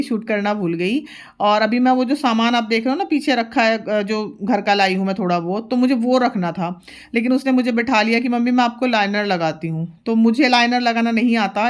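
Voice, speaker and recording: Chatty mother narrating a home vlog. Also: fairly high pitch. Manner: chatty, homely, explains step by step. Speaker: vlogger, mother.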